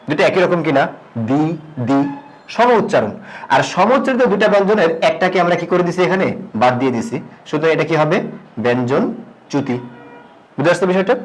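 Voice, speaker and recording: Male teacher, grammar lesson, fairly high voice, asks and answers his own questions, slow low stress on terms. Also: poor audio. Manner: drops pitch and slows on key terms.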